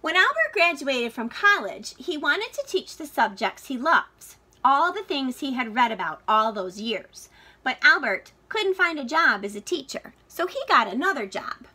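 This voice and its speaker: This is a high-pitched woman's voice reading a children's picture book out loud. She sounds like a teacher, using deliberate, expressive, dramatic phrasing for kids.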